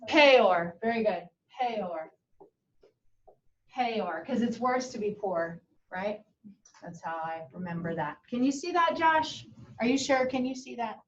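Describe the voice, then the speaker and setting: Woman teacher, slow-paced, fairly high voice, chatty and encouraging, muffled distant classroom recording. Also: animated, a little hiss or hum. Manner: chatty, encouraging, mixes Spanish and English. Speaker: Spanish teacher. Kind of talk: classroom lesson.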